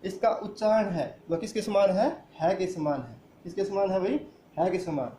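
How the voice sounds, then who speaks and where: A man's voice: high-pitched, moderate pace, dark tone, reverberant, a little hiss or hum. A man teaching a grammar lesson who asks the class questions and answers them himself. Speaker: school teacher.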